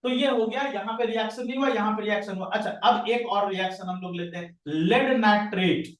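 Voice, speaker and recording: A man's voice: high voice, fairly quick. A man with an Indian accent teaching a science class, questioning students and calling on them by name. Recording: roomy classroom audio from a distance.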